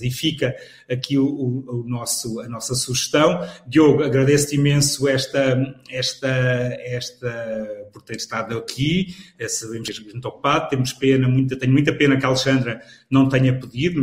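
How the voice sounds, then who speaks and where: Host: European Portuguese man, mid-pitched, roomy sound, rambling live chat. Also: fairly even intonation, fairly quick. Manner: rambling, with many restarts.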